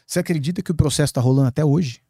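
Guest, male, from Brazil; mellow, dry-miked podcast storyteller, profanity and lively re-enactment. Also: a little high, racing, no room sound. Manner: lively, swearing, acts out his own past words. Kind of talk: animated storytelling in a podcast interview.

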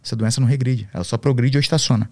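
Brief: man, podcast guest, animated storyteller, dry close sound. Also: mid-range voice, racing, no room sound. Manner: slangy, animated storytelling full of swearing. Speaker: podcast guest, MMA coach. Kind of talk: casual storytelling.

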